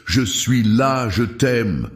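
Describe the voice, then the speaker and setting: An anguished mother fighting for her child in an audio story, pleading and firm by turns, voiced by a man. The tone stays low-pitched and the room echoes. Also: expressive, unhurried. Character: desperate determined young mother. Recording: roomy echo.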